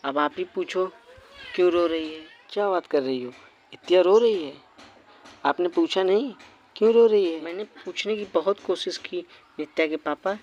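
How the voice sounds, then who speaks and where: A man's voice: on the high side, normal speed, dull audio, a little hiss or hum, lightly acted. A man putting on a fussing village mother. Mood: scolding. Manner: scolding, fussing.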